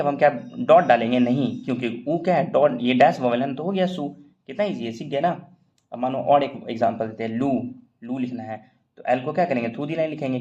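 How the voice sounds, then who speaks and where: A man's voice: medium pitch, a little mellow, muffled recording. A man teaching a shorthand lesson in casual classroom style, explaining step by step and quizzing his students.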